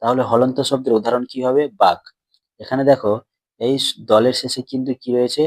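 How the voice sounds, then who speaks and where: Male grammar teacher, mid pitch, patient and repetitive, drawn-out words, dry close mic. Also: steady tone, no room sound. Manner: patient, repeats questions and answers them himself; stretches out words slowly when splitting syllables. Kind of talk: classroom lesson explanation.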